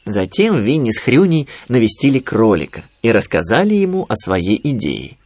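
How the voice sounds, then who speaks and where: A man narrating a children's story in an expressive storytelling manner. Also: medium pitch, normal speed, no echo.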